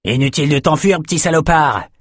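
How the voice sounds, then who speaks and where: A man doing a sneering street thug, menacing, jeering, somewhat raised pitch, dry audiobook sound. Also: lively intonation, unhurried, no room sound. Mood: shouting. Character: brutish, mocking male street thug.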